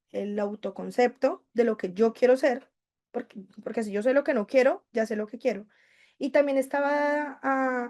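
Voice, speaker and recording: A woman's voice: fairly high pitch, a little mellow. A woman giving a conversational online lecture to teachers, explaining with examples and often restarting her sentences. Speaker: university teaching instructor. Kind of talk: live online class lecture.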